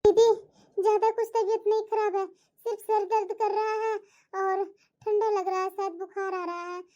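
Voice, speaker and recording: A woman's voice: very high voice, level tone, normal speed, dark tone, highs cut off. A woman voicing a modest, polite young daughter-in-law in a family cartoon. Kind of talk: cartoon voice acting.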